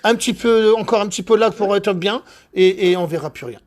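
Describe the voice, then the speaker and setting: A man who details cars, chatting casually while he works, excitable, boastful and rambling, with a husky voice. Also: high-pitched, brisk. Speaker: car detailer. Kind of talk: casual chat while working.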